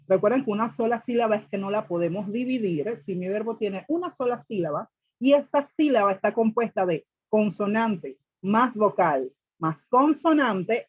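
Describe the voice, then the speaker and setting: A woman's voice: on the high side, darkish tone, husky, dull audio. A woman teacher explaining grammar rules step by step to a class, repeating each rule and asking students questions. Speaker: English teacher.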